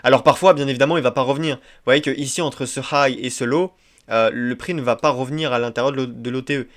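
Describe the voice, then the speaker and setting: A man's voice: medium pitch, steady tone, fast talker. Emphatic male trading teacher, repeating himself. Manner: repetitive, emphatic, many verbal tics like "ok?" and "hop". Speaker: trading instructor. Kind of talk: screen-share trading tutorial.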